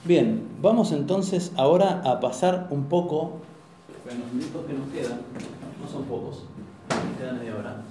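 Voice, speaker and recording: A man's voice: a little high, mellow. Argentine man teaching in an echoey classroom. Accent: Argentine Spanish. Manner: patient, explanatory, repeats words slowly as examples. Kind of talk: informal language class lecture. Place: university classroom. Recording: very echoey classroom, far from mic, faint noise.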